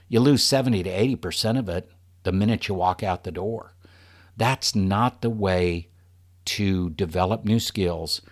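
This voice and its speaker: A man presenting a leadership training program to an audience in an earnest, emphatic way. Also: sits low.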